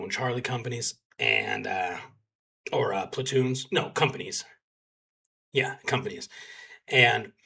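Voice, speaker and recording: His mid-range voice is husky as this young man from Texas, a volunteer combat medic, rambles casually through his story. He uses plenty of fillers and becomes animated when quoting others.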